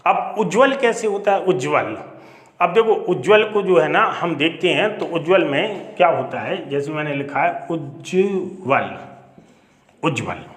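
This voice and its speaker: A man's voice: a little high, expressive, normal speed, fairly bright tone, roomy sound. A man teaching Hindi grammar, explaining step by step, repeating words and asking rhetorical questions. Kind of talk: classroom lesson.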